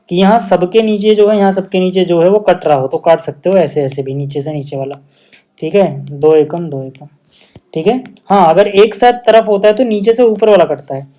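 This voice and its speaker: Patient Hindi-speaking maths teacher, mellow voice. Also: male voice, high-pitched. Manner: patient, step-by-step explaining with frequent check-in questions; mixes English maths terms into Hindi. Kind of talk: whiteboard maths lesson.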